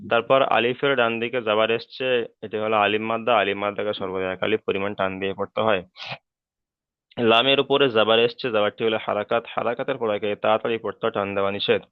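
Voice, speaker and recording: A man's voice: on the low side, fairly even intonation, smooth, dry recording. Patient male Quran teacher over thin call audio. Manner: patient, repetitive explaining, drawn-out chanted examples. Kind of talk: online Quran recitation lesson. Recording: dry, phone-like call audio.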